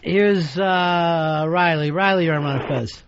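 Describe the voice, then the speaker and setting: A man's voice: fairly high pitch, slight background noise. A man hosting a talk radio show, taking calls and teasing guests and callers. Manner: teasing, quick jokes, takes calls. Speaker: radio host. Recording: dull radio broadcast sound.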